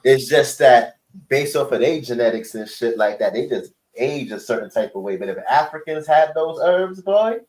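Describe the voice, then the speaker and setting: A man's voice: medium pitch, animated, moderate pace, darkish tone, poor audio. A man, rambling through casual slangy chat and often checking in with the listener. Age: late 30s.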